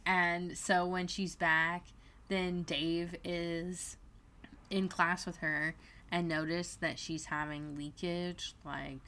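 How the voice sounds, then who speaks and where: A woman's voice: lowish voice, level tone, slow pace, sharp tone. A woman hosting a casual fan podcast, chatty and laughing as she retells scenes. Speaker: podcast host.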